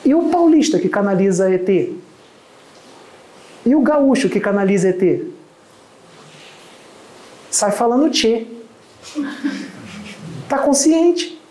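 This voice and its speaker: A man's voice: high-pitched, very animated, moderate pace, long pauses, mellow, reverberant, poor audio. A man with a Carioca accent from Rio de Janeiro, a medium giving an emphatic, lecturing spiritual talk that scorns his critics. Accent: Carioca Portuguese. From Rio de Janeiro, Brazil.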